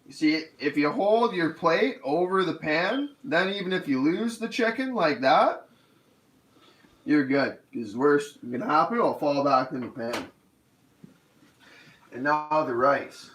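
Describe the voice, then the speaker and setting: A man's voice: on the high side, expressive, unhurried, fairly bright tone, poor audio. A man casually hosting a cooking stream, explaining each step as he goes in an easygoing, rambling way.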